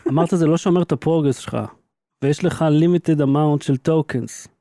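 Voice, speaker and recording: A man's voice: a little high, steady tone, warm tone, no room sound, clean studio sound. A man in casual chat, probing and pressing with questions. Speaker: podcast co-host.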